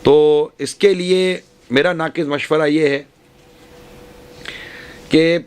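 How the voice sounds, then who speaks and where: A man's voice: fairly high pitch, fairly even intonation, darkish tone, clean tone. A man preaching to a women's gathering, giving earnest advice and often repeating and rephrasing his points. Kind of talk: religious speech.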